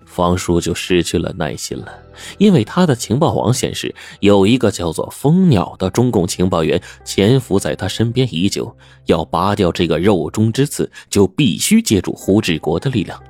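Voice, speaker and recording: A man tells a serialized story with dramatic flair. His voice sits deep and husky, swinging widely in pitch as he narrates. A soft music bed plays beneath him. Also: big pitch swings, normal speed, no echo.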